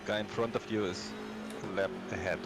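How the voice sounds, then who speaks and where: A man's voice: on the low side, fairly even intonation, a little fast. A man chatting casually as a teammate during a sim race. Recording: clear engine noise behind voice. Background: racing car sounds.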